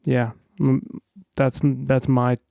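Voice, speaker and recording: A young adult man chatting as a podcast guest, halting with lots of restarts and fillers. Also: medium pitch, completely flat delivery, creaky, dark tone, no echo, clean studio sound. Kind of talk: casual chat.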